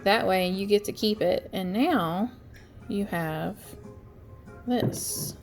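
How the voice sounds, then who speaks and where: A woman's voice: medium pitch, slow pace, darkish tone, faint music behind. A congested woman chatting through step-by-step instructions in a casual tutorial, with frequent ums. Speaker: craft tutorial host. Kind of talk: casual screen-share tutorial.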